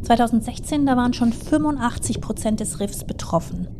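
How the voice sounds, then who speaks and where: A woman's voice: on the high side, expressive, fairly quick, noisy background. A woman co-hosting a travel podcast, explaining in an engaged, conversational storytelling manner. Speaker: co-host.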